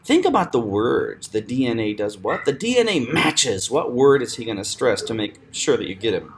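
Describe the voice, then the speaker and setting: Male acting teacher, animated and chatty, screen tutorial, expressive pitch. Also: normal speed, background noise. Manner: animated, chatty, laughs often.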